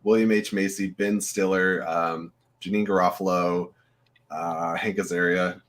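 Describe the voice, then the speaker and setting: A man with a very deep, low voice co-hosts a casual podcast. He rambles easily and loosely, dropping plenty of filler uhs as he goes. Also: little pitch movement, measured pace, fairly bright tone. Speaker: co-host.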